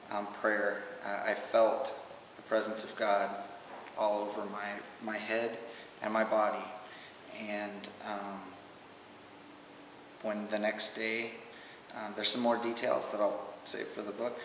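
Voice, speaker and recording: A man's voice: fairly low pitch, level tone, fairly bright tone. Hesitant man on old camcorder audio. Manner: hesitant, halting, emotional. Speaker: father giving a personal testimony. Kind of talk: personal testimony to camera. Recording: roomy, distant, hissy home camcorder sound.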